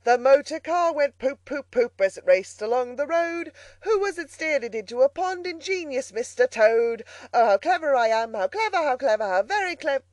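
A conceited fat gentleman toad from a storybook, acted out by a narrator, with a raised, excitable voice. He exclaims grandly and dramatically, as if every feeling were enormous. The sound is dry, with no room around it. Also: high-pitched, moderate pace, hardly any pauses, no room sound, pitched above the performer's own voice. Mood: smug chanting. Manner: boastful, exclamatory, swings from crowing to lamenting.

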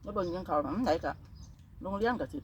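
A woman's voice: fairly low pitch, lo-fi sound. Isan woman chatting while eating, noisy outdoors. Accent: Isan (northeastern Thai). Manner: talks between mouthfuls, with chewing pauses. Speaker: vlogger. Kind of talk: casual chat while eating. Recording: noisy outdoor ambience with birds.

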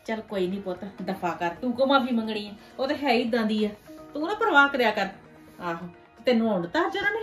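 A woman playing a meddling, sharp-tongued village aunt who gossips and scolds in a web series drama. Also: fairly high pitch, very animated, quick pace, soft background music. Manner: gossipy, scolding, ends remarks with "haiṅ?". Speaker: paternal aunt.

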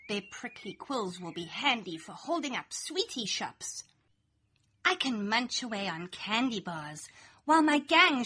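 With a voice on the high side that's sharp and slightly rough, a young adult woman reads a rhyming children's picture book aloud. She tells the story playfully in a sing-song, expressive way.

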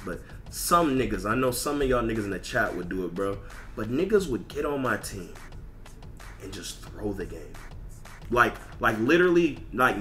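This livestreaming gamer's voice is fairly low and a bit bright as he chats and rants in profane, repetitive slang, with music playing behind him.

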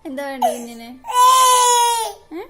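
Soothing mother, high voice. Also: sing-song, slow pace, gravelly, heavy background noise. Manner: coaxing, soothing, questioning a crying toddler. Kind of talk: casual home video talk to a small child.

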